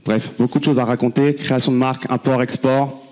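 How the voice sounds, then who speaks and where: A man hosting, briskly introducing a guest to an audience. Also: mid-range voice, level tone, darkish tone. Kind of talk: spoken introduction.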